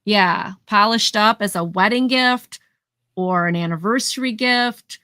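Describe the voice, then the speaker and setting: In a dry recording, a woman with a sharp, medium-pitched voice talks at a measured pace. She runs a relaxed live vintage sale, going over every item in detail and counting down the sales as she chats.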